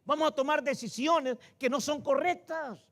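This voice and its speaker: A man's voice: very high voice, moderate pace, a bit bright. A man in his fifties preaching a sermon in a church, who keeps calling the congregation "brother" and asks rhetorical questions. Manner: repeats "hermano" often, asks rhetorical questions. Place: church sanctuary.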